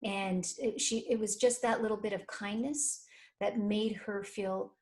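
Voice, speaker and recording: A woman, a life and career coach telling stories in an interview, animated and acting out the voices of people she quotes. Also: mid-range voice, measured pace, a little hiss or hum. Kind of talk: conversational interview storytelling.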